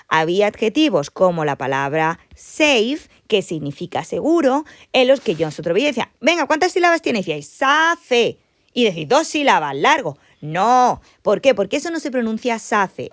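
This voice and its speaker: A woman English teacher explaining grammar to her students, lively and emphatic, repeating the key points. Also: fairly high pitch, no room sound, clean studio sound.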